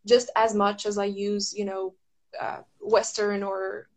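Talking in a mid-range voice with little pitch movement, a Moroccan astrology practitioner reflects casually, frequently stopping to find the right words.

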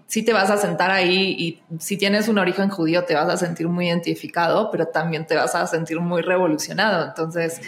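A woman's voice: fairly low pitch, reverberant, a little hiss or hum. A woman from Argentina speaking with a Mexican Spanish accent, talking animatedly as a podcast guest, laughing often and restarting her sentences. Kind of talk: casual podcast conversation.

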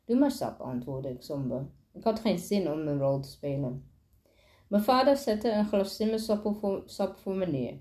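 A woman's voice: medium pitch, moderate pace, a little mellow. A woman reading a children's novel aloud, often tripping over words and restarting them. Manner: stumbling reading with frequent restarts.

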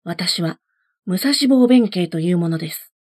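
A woman's voice: on the low side, measured pace, a little mellow, no room sound, clean studio sound. A woman voicing a huge warrior monk who speaks in a polite, earnest way after being beaten, in a storybook reading. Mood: humble.

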